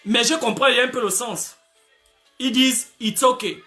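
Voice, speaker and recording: A man's voice: extremely high pitch, steady tone, normal speed, bright, forceful tone, soft background music. A man preaching a sermon as pastor, from Gabon, dropping frequent hallelujahs as he talks. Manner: preaching, peppered with frequent "alléluia" interjections. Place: church in the United States.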